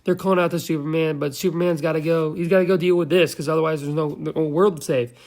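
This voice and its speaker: Man, fairly high voice, casual rambling movie recap, slangy and profane. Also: fairly even intonation, fast, a little mellow. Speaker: movie reviewer.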